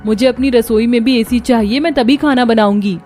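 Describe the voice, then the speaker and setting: Cartoon spoiled city bride, whiny and demanding, pitched up, played by a woman. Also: a little fast, a little mellow, lightly acted. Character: pampered young city daughter-in-law, whiny.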